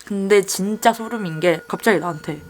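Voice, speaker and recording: A woman's voice: medium pitch, a little fast, over music. A young woman casually telling creepy personal stories while doing her makeup, acting out the people in them. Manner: lively, mimics the people in her story. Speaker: storyteller.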